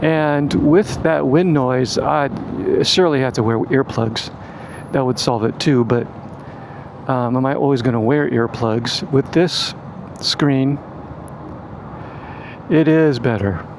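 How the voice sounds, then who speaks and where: Rambling man talking over loud wind noise. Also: medium pitch, takes it slowly, creaky, pauses often. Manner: rambling, thinking aloud. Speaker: motorcycle vlogger riding a scooter. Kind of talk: casual vlog chat while riding. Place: outdoors on a moving scooter, in traffic. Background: wind, engine and traffic noise.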